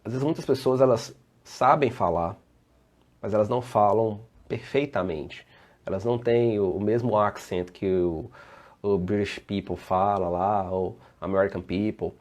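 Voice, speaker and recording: A man's voice: mid-range voice, a little mellow. Brazilian man, safety trainer, medium voice, chatty live presentation, answers viewers. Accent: Brazilian Portuguese. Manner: casual and conversational, often answers viewer comments.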